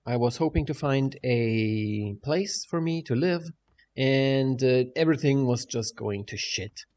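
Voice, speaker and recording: A man's voice: medium pitch, unhurried, darkish tone. A man with a German accent giving a casual, rambling, hesitant update with casual swearing, his voice echoing in a big room at home. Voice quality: echoey room sound. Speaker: video creator. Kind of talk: casual rambling update over game footage. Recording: big echoey room, clear background noise.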